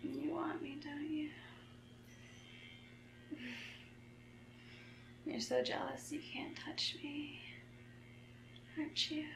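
A woman playing a seductive, teasing temptress in a whispered role-play, coaxing in a breathy tempting whisper. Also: sits high, flat delivery, measured pace. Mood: taunting. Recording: echoey room, clear background noise.

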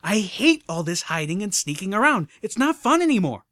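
A man's voice: fairly high pitch, lively intonation, normal speed, pushed and bright, dry recording. A man voicing an older mare pony leader who is frustrated and fiery, talking in an emphatic, exasperated way. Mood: furious. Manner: exasperated, emphatic, swearing when angry.

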